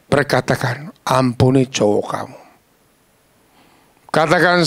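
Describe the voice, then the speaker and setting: A man preaching a sermon, telling stories in a lively, casual, slangy way and acting out the voices of the people in them. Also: on the high side, creaky, dry recording. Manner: animated, acts out quoted voices.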